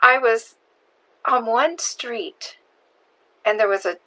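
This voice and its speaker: Bright-voiced woman telling a story slowly. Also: on the high side, poor audio. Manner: slow, deliberate storyteller. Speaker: marketing video host. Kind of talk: storytelling vlog.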